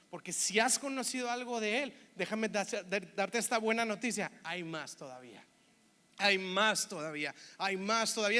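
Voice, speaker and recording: A man's voice: high voice, pushed and bright, big-room sound. A man with a northern Mexican accent from Monterrey, preaching a sermon in a chatty way and often asking "¿verdad?". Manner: conversational, keeps asking "¿verdad?". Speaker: pastor.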